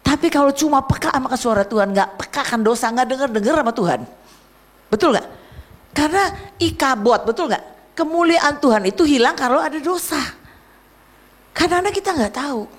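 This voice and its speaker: A woman evangelist preaching a sermon, emphatic and lively, often asking her congregation to agree, dropping to a soft voice for prayers. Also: high voice, brisk, pauses often. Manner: acts out prayers and quoted speech in a softer voice.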